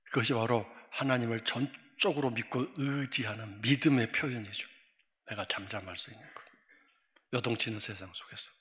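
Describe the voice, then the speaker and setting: A man preaches a sermon with a forceful, ringing tone, his delivery swinging between emphatic bursts and hushed near-whispers. He sounds like a pastor working a congregation at a middle pitch. The long reverb of a church sanctuary trails behind every phrase. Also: steady tone, normal speed.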